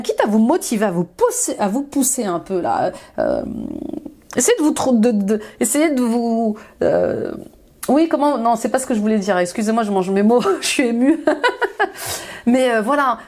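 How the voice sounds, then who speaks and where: Encouraging woman giving a mellow tarot reading. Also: on the high side. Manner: encouraging, repeats affirmations, many fillers; enthusiastic, exclaims often. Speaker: intuitive life coach doing tarot readings. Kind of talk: tarot card reading for viewers.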